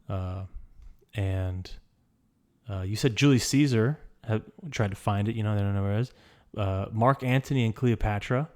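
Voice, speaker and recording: A man's voice: lowish voice, normal speed, a little mellow. A man hosting a casual solo podcast from a small room, rambling with stammered restarts and fillers. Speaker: podcast host. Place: small hot room indoors.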